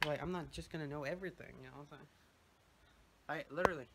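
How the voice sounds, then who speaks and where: Heavy background noise surrounds this young man's slightly high, brisk voice as he vlogs at home, phone held at arm's length in the bathroom and bedroom. A native Spanish speaker with a Mexican accent, he rambles loosely, swearing offhandedly and dropping in Spanish words.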